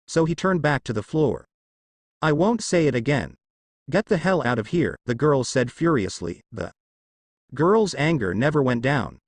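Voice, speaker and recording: A man reading a fan fiction story aloud, voicing every character in the same steady narrating voice, tag lines included. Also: medium pitch, no room sound.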